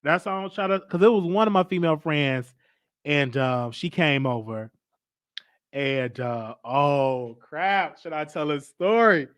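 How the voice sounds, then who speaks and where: A man in his twenties with a Southern US accent, a show host telling a casual, animated story on a live stream in slangy, repeating phrases. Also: fairly high pitch, measured pace, clear, resonant tone, no echo. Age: 20s.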